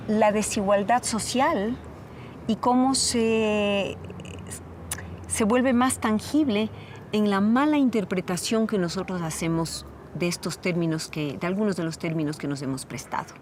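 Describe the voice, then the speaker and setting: A woman's voice: medium pitch, unhurried, a little hiss or hum. A woman, speaking reflectively in a documentary interview.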